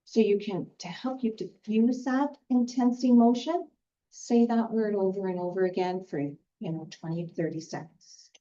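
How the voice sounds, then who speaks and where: A woman facilitator teaching a skills lesson, guiding gently with fillers and restarts. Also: mid-range voice, moderate pace. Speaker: group facilitator. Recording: dull lo-fi recording.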